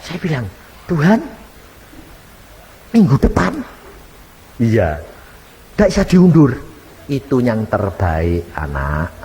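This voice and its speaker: A man's voice: medium pitch, very animated, slow pace, long pauses, warm tone. A man preaching a storytelling sermon, acting out conversations in shifting voices. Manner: acts out dialogues in shifting voices. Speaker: evangelist preacher. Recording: hall reverb, faint hiss, old MP3.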